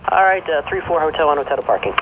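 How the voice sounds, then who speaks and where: A man's voice: fairly high pitch, expressive, rapid-fire. A man working as an air traffic controller, giving clipped procedural instructions over an aviation radio. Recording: noisy muffled aircraft radio transmission.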